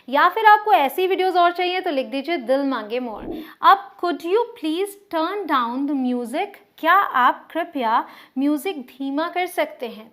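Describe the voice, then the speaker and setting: A woman teaching spoken English, mixing English phrases into her explanations and reading each example sentence slowly and deliberately. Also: high-pitched, a bit bright.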